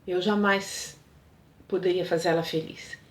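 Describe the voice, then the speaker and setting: A woman voicing a gloomy, stubborn young man with curt, quiet refusals in a retold story. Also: on the low side, fairly even intonation, a little slow, roomy sound, voice pushed down, close to an everyday voice.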